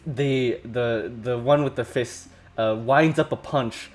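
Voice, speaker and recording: A man as game master, improvising narration for a tabletop game in a halting way, often repeating words. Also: mid-range voice.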